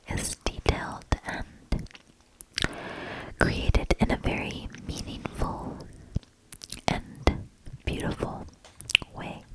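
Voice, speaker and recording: A woman reads a storybook for ASMR, her whisper breathy, her manner gentle and deliberate, with lingering breaks between short phrases. It's a rough recording.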